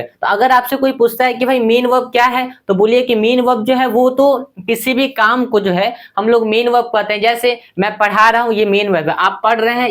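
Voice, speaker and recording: A male English teacher explaining grammar in Hindi, asking and answering his own questions and repeating key points for his viewers. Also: extremely high pitch. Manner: addresses viewers as friends; slows to recite word lists.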